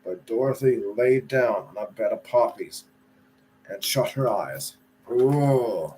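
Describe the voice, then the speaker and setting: A man reading a storybook aloud in a relaxed, chatty way, sometimes stumbling and rereading a phrase. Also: lowish voice, a little slow, slight background noise, low-quality recording. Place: at home.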